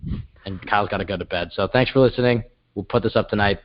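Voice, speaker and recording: A man's voice: lowish voice, fast talker, lo-fi sound. A male podcast co-host in casual sports chat, talking upbeat and steering the show to its close.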